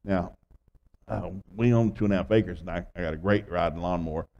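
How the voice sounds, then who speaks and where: A man in his sixties preaching as a guest minister, telling homespun stories with acted-out dialogue and swinging between loud and hushed delivery. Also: deep voice, fairly quick, dull audio. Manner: folksy storytelling with acted dialogue. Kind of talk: sermon.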